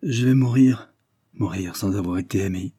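A man's voice: low voice, moderate pace, mellow, husky, no echo, studio quality. A man reading the part of a dying young man, weak and mournful. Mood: tender.

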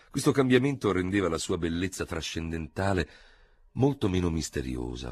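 Brief: male narrator for classic fiction, expressive and measured, lively pitch, dry close sound. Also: slightly rough, no room sound. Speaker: audiobook narrator. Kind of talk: literary audiobook narration.

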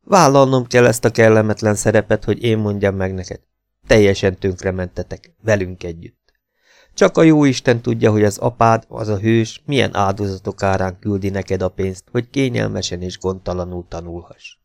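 A man's voice: fairly low pitch, gravelly, a little mellow, dry recording, studio quality. A man reading the part of a young man in an audiobook, an old friend who speaks frankly and soberly as he delivers bad news. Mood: earnest. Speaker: character in audiobook.

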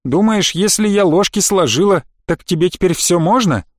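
A teasing old woman scolds and mocks in a fairly high voice, as a man puts her on. She nags like a fussy grandmother. The audiobook sound is close and dry. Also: animated, normal speed, dry recording. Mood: scolding. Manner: mocking, scolding. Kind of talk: audiobook character voice.

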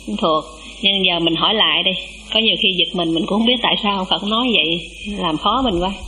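Woman, nun preaching; bright tone, humble and questioning, faint background hiss. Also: mid-range voice, low-quality recording. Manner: humble, calls herself "em", asks the listeners questions. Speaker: Buddhist nun giving a dharma talk. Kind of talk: dharma talk to a monastic assembly.

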